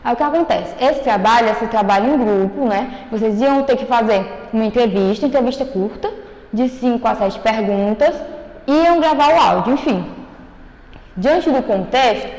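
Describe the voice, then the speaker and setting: A woman's voice: fairly high pitch, fairly quick, a little mellow. A woman teacher giving a recorded remote class, explaining step by step and checking in often with short tags. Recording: echoey, reverberant room.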